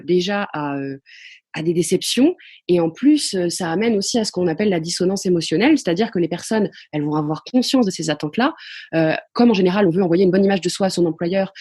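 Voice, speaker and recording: A woman's voice: fairly low pitch, mellow, slightly rough. A woman guest on a podcast explaining social psychology, talking hesitantly with many fillers and restarts. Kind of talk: podcast interview answers.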